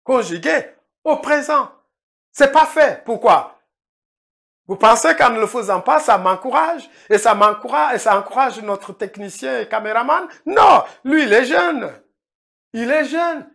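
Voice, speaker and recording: A middle-aged man gives a filmed language lesson. He speaks slowly and deliberately and repeats words several times. His pitch swings widely as he explains. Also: lively intonation, gravelly, a bit bright. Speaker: language teacher. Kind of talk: lecture-style language lesson. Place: indoor room, filmed by a cameraman.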